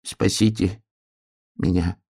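A frightened, worn-out little hare, voiced by a man reading a story, speaking faintly in a low, gravelly tone. His voice is weak and timid, like someone too tired to call out. This is a gentle storybook figure. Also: big pitch swings, slow, heavily acted.

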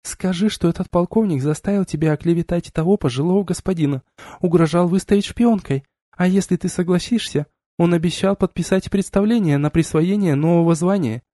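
A man voicing a calm telepathic voice inside a girl's head, giving soft, coaxing instructions in an audiobook. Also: high-pitched, moderate pace, hardly any pauses, dry recording, clean studio sound, voice pushed up, lightly acted. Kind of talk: audiobook character reading.

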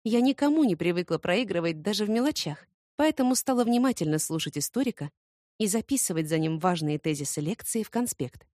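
A woman narrating an audiobook in first person, expressive and ironic. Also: mid-range voice, fairly quick, no room sound, studio quality.

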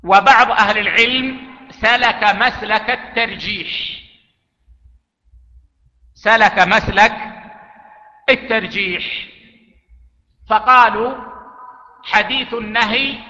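A man teaching an Islamic jurisprudence lesson, speaking deliberately and repeating key phrases for emphasis. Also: high-pitched, pushed and bright. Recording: echoey lo-fi hall recording.

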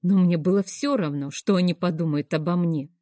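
A woman's voice: lowish voice, a little fast, dark tone, no echo, clean studio sound. A woman narrating a first-person story in a dramatic, emotional reading style. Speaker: audiobook narrator.

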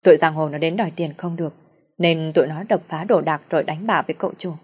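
A hurried, alarmed chauffeur, as a woman reading an audio story puts him on, in her own low, husky voice. The words tumble out in worry. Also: steady tone. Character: panicked middle-aged male chauffeur.

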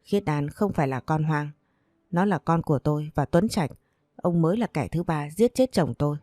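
A woman's voice: low-pitched, animated, moderate pace, warm tone, no room sound, studio quality. A woman voicing a desperate young mother in a storybook reading, pleading and tearful. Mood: indignant.

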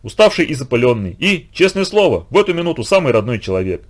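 A man narrating a children's story in an expressive, vivid way. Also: mid-range voice, fast.

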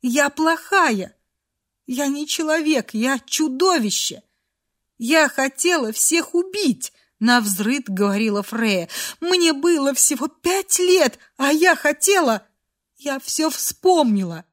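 A woman's voice: fairly even intonation, measured pace, few pauses, lightly acted. A woman voicing a frightened young woman who sobs in despair. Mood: desperate. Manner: sobbing, high and desperate.

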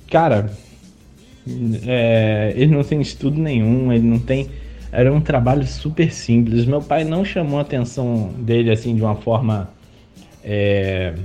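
A man's voice: medium pitch, dark tone. A man from Brazil, a podcast host, telling a personal story in a chatty, indignant way. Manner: chatty, indignant, many fillers. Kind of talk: casual storytelling monologue.

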